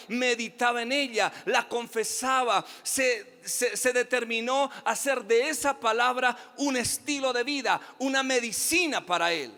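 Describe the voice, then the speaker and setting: A man's voice: very high voice, pushed and bright, in a large hall. A middle-aged male pastor preaching a sermon, leading the congregation in repeating phrases with sing-song emphasis.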